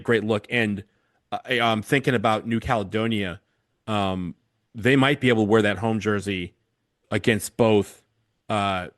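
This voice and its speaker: A podcast co-host with a lowish voice chats casually about football kits, hesitating a lot with many fillers and restarts. The recording is clean studio sound with no room noise.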